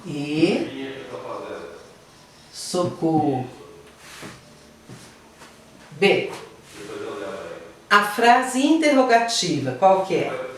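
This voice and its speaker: A woman with a mid-range, sing-song voice teaches grammar extremely slowly, with long pauses; she has a Brazilian Portuguese accent and patiently explains step by step while checking in with her students. She's recorded from afar in a very echoey room, with a little hiss or hum.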